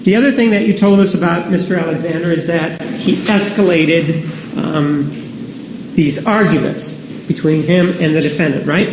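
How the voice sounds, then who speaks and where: A man with a high voice cross-examines a witness, pressing and insisting on yes or no. The courtroom recording rings with room echo. A faint hiss sits underneath. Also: fairly even intonation, moderate pace. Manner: pressing, demands yes-or-no answers. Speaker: prosecutor. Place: large echoey courtroom.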